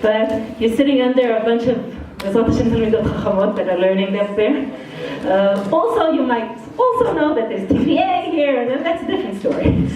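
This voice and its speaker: A woman's voice: fairly high pitch, lively intonation, fairly quick, few pauses, a crowd in the background. A middle-aged woman from Israel with an accent that is part Israeli and part Brooklyn, speaking frankly and casually as a guest speaker to students in an indoor study hall. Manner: frank, casual, self-deprecating. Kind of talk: informal talk to students. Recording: very echoey hall, far from the mic.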